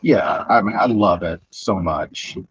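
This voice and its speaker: A man with a Southern accent chatting casually while streaming, rambling and halting with lots of fillers, on a headset mic. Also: sits low, slightly rough, highs cut off. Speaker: streamer building Lego. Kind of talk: casual live-stream chat.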